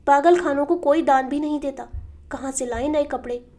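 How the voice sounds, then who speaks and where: A woman's voice: high-pitched, steady tone, moderate pace, a little mellow, lightly acted. A woman narrator voicing a tired female asylum attendant explaining plainly. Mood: matter-of-fact.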